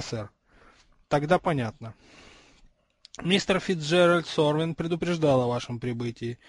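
A man's voice: fairly high pitch, no room sound, clean studio sound, close to an everyday voice. A man voicing a formal, sardonic male goblin bank clerk in an audiobook, speaking in a polite, businesslike way.

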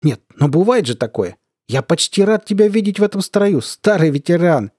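A man plays a sly, taunting middle-aged army colonel. He lisps and coos in a squeaky baby-talk voice well above his usual pitch. It is a dry, close audiobook recording. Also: very animated, moderate pace, a little mellow, no echo. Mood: gloating. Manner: mocking, taunting.

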